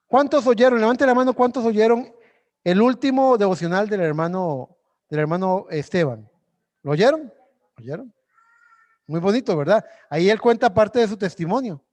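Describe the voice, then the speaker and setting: A male pastor preaching a sermon, swinging from loud exhortation to hushed prayer. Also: high voice, moderate pace, big-room sound. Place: church sanctuary.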